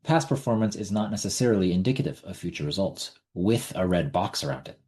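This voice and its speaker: Blunt low-voiced man hosting a webinar. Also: expressive, fairly quick, a little mellow. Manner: blunt, repetitive, swears casually. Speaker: webinar host. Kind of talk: casual webinar presentation.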